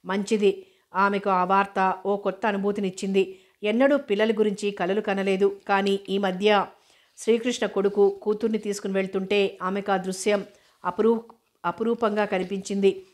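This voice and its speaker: Reading a novel aloud as an audiobook narrator, a woman keeps a steady, even delivery at medium pitch and moderate pace. Now and then she restarts a word.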